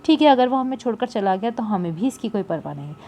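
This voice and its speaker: Woman reading a blunt loyal woman companion, consoling, audiobook role, mellow tone. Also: mid-range voice, animated, fast talker, a little hiss or hum, lightly acted.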